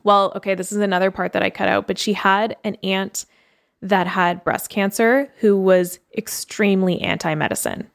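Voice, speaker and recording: A woman co-hosting a podcast, walking through a case in a relaxed, chatty way. She fills her talk with "like" and restarts. She is from Canada. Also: mid-range voice, moderate pace, gravelly. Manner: chatty storytelling with many fillers. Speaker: podcast co-host telling a case. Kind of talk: casual chat.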